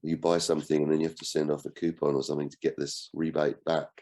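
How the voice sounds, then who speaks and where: Very low croaky man with a cold, dark gravelly voice, relaxed book-group host. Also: fast talker. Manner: relaxed, asks the group questions. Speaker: book club host and coach. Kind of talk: online masterclass discussion.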